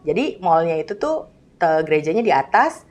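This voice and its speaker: A woman's voice: deep voice, sing-song, moderate pace, a little mellow. Woman telling a story with emotion. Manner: emotional, acts out dialogue with her child. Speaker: guest telling her life story. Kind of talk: casual conversational storytelling.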